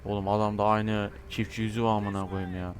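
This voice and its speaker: Swearing Turkish man yelling at a shooter game. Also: lowish voice, little pitch movement, brisk, slight background noise. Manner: swearing, shouting battle cries at the screen. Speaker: gameplay commentator. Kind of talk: profane gameplay commentary.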